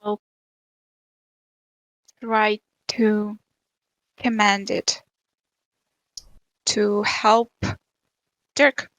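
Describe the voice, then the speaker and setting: Slow, hesitant woman player. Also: mid-range voice, flat delivery, a bit bright, dry recording, poor audio. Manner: hesitant, halting. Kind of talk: tabletop role-playing as a player.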